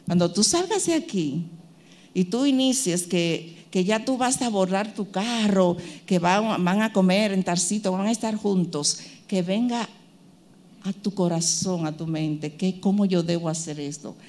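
A woman's voice: medium pitch, a little slow, a little mellow. Woman preacher, emphatic and repetitive, acts out the voices she quotes. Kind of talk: sermon.

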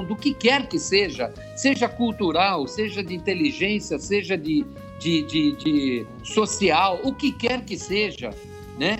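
Older Brazilian man, interview guest, high voice, earnest storyteller. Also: fairly bright tone. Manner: earnest storytelling, frequent restarts. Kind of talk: casual interview talk.

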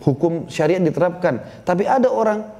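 A man's voice: high voice, lively intonation, fairly quick, dark tone. A man preaching a sermon as a story, acting out the voices of the people in it and speaking directly to his listeners.

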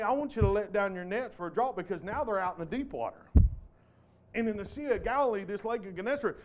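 A man's voice: high voice, darkish tone, slight background noise. A man preaching a sermon as a traveling missionary, folksy and emphatic, with rhetorical questions to the congregation. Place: church.

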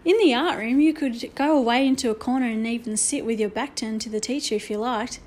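A woman narrating a children's book in a steady, expressive storytelling manner. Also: fairly high pitch, brisk. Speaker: audiobook narrator.

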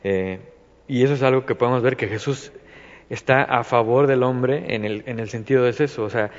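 A man's voice: mid-range voice, moderate pace. A man with a Mexican accent giving an informal Bible study talk, rambling through many fillers and restarts. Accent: Mexican Spanish. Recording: dull, reverberant recording.

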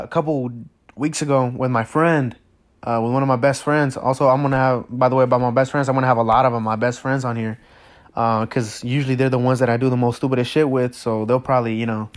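A teenage boy from Mexico hosting his first solo podcast episode, talking casually and nervously with lots of fillers and restarts, without a proper mic. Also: mid-range voice. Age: teens. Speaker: podcast host.

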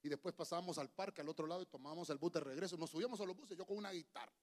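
A pastor preaching a sermon in a church, emphatic and animated, with humorous asides. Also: male voice, fairly high pitch, rapid-fire.

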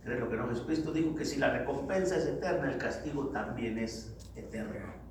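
A man preaching a sermon to the congregation, calling them brothers, swinging from loud exhortation to low, grave tones. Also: brisk. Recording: very echoey hall, distant mic, faint noise.

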